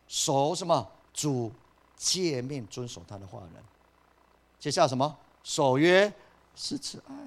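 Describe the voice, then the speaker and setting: A man preaching a sermon. He moves from soft asides to loud, rising emphasis, and he asks the listeners questions and then answers them himself. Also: medium pitch. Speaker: pastor.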